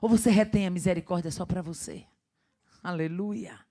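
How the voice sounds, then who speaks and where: A woman's voice: fairly low pitch, brisk. A woman preacher, delivering a fervent sermon and often breaking in with a praise exclamation. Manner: fervent, rises to loud exclamations, punctuates with "Aleluia".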